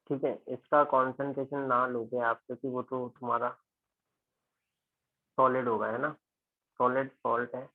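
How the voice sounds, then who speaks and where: Here an Indian chemistry teacher explains a physical chemistry problem during a recorded lecture, moving methodically through each step. His mid-range voice has some vocal fry and stays steady as he pauses to ask students brief check questions. The recording sounds thin and phone-like, completely dry.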